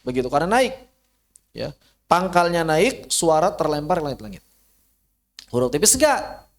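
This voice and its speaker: A man's voice: fairly high pitch, sing-song, normal speed. A man with an Indonesian accent teaching an online Quran recitation lesson. He drags out syllables to show how they sound and asks and answers his own questions. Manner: casual, mutters to himself while fixing slides.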